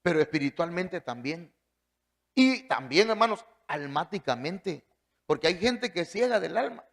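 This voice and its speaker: Preacher, male, emphatic, fairly high voice, swings his pitch widely. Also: big pitch swings, moderate pace, gravelly, a bit bright. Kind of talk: sermon.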